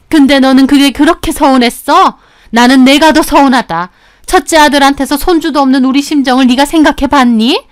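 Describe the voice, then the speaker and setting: A woman voicing a blunt, scolding older mother-in-law in a told story, speaking with reproach and slow emphasis. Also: sits high, smooth, natural voice. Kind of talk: scripted storytelling.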